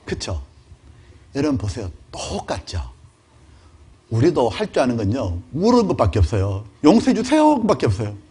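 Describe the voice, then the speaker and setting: A middle-aged male pastor giving a lively, conversational sermon and often putting questions to his congregation. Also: mid-range voice, moderate pace, long pauses, slightly rough.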